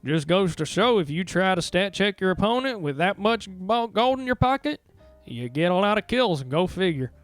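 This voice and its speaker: A man's voice: high voice, lively intonation, moderate pace, dry recording, soft background music. A man casting a live esports match and then interviewing the winning team, upbeat with casual fillers. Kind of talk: live esports play-by-play commentary.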